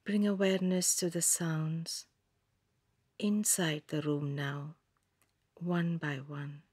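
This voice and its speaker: In a dry, studio-quality recording, a woman delivers scripted yoga nidra meditation narration. Her fairly low, soft voice carries lots of breath and a breathy edge, and she offers each calm, gentle instruction at an unhurried pace, leaving long pauses between phrases.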